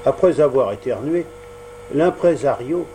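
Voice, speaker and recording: A slow, deliberate male audiobook narrator with a dark, mellow voice. His pitch rises and falls freely as he tells the story, and a faint mains hum sits under the recording. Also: low-quality recording. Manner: measured, expressive storytelling. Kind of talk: scripted narration.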